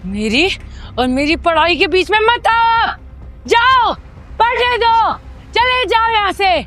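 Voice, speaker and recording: A woman's voice: very high-pitched, big pitch swings, a little slow, a bit bright, heavily acted. A woman playing a study-obsessed teenage girl who repeats herself coldly and insistently in an amateur horror drama. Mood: menacing. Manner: repetitive, insistent, threatening. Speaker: daughter.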